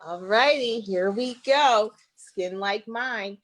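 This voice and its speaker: A woman from Flint, in the United States, reads her own children's book aloud with deliberate, playful expression. Her voice sits in the mid range.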